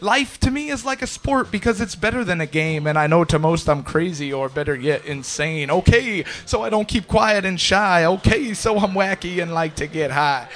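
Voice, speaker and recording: A man with a high voice delivers rhyming spoken-word poetry on a live open mic stage. His lines come in rhythmic runs of playful wordplay with a boastful edge. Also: expressive, moderate pace, hardly any pauses, a bit bright.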